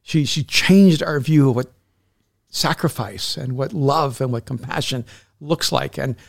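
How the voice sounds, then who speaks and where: Unhurried and mid-range, with vocal fry, the voice belongs to a middle-aged Salvadoran pastor who is also an author. As a podcast guest he tells stories sincerely, restarting often, in a reflective, easygoing exchange.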